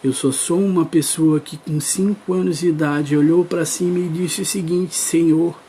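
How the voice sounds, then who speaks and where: A man's voice: fairly high pitch, fairly even intonation, moderate pace, dark tone, a little hiss or hum. Earnest man preaching his testimony. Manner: earnest, addresses the crowd directly. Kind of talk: testimony sermon.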